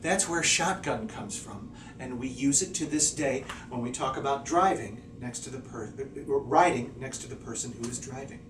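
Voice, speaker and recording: A male English teacher giving a lively video lesson, constantly checking in with his students by asking "okay?" and "right?". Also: medium pitch, normal speed, few pauses, noisy background. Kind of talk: classroom-style video lesson. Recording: echoey room, voice a bit far off.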